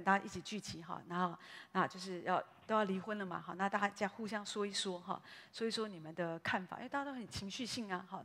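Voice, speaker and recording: A woman pastor delivers a chatty, animated sermon and often ends her phrases with soft tag words. Her voice is husky, and it rings out with a long echo through a church hall. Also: mid-range voice. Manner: animated, conversational preaching with frequent "哈" tags.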